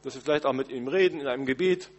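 Husky-voiced male preacher in reverberant church. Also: mid-range voice, racing, dull audio. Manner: gentle, conversational preaching with direct address. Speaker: pastor. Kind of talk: Christmas Eve sermon.

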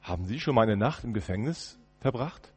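A male preacher telling a story in the first person during a service, turning from loud outbursts to hushed murmurs. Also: fairly low pitch, lively intonation, fairly quick, slightly rough, big-room sound. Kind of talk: first-person dramatic sermon monologue. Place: church.

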